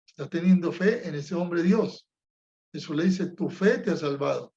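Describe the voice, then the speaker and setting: A man's voice: a little high, normal speed, gravelly, dark tone, lo-fi sound. A man teaching personal prayer over a video call, reflecting aloud and acting out a blind man's cries for mercy. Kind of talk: teaching lesson on Lectio Divina.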